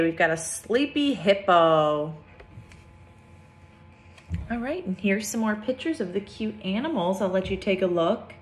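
A young woman teacher reading a picture book aloud to small children, gentle and sing-song, stopping to ask them questions. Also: medium pitch. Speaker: preschool teacher.

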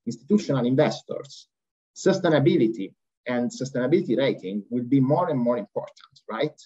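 A man answering on a panel discussion, halting and full of "uh" and "let me say". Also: mid-range voice, mellow, breathy edge. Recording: muffled lo-fi recording.

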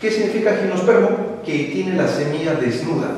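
Peruvian male biology teacher, lively and quizzing, slightly high voice, very echoey hall, distant mic. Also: fairly quick, a little hiss or hum. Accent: Peruvian Spanish. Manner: lively, asks questions and answers them himself, mixes in English words. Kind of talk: online pre-university biology lesson.

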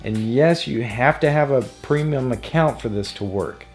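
A man with a mid-range voice narrates a scripted DIY electronics tutorial at a moderate pace. He keeps it playful and jokey, with music in the background.

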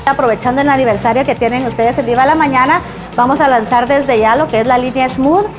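A woman's voice: high voice, steady tone, fast, music in the background. A woman representing a salon answers an interviewer's questions in a friendly, explanatory way, with a few small restarts. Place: indoor salon.

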